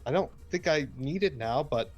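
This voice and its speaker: A man's voice: a little high, animated, normal speed, a little mellow, muffled recording, faint music behind. A man voicing an indignant young woman who was robbed, speaking earnestly and self-assured in a tabletop game.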